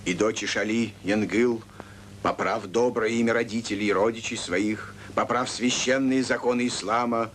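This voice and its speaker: An actor playing a stern, pious village judge who preaches and condemns solemnly in a historical film. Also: male voice, fairly low pitch, fairly bright tone. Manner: solemn, declamatory. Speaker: religious judge. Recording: noisy old film soundtrack, crowd around.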